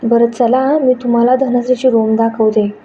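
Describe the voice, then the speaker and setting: A woman's voice: fairly high pitch, level tone, moderate pace, warm tone, close to an everyday voice. A woman voicing a friendly young sister-in-law who talks in a breezy, welcoming way. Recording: dull lo-fi with faint noise.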